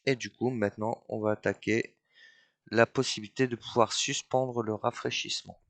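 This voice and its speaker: A man giving a screen-recorded coding tutorial, thinking aloud in halting steps as he works. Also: fairly low pitch, fairly even intonation, no echo. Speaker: software trainer.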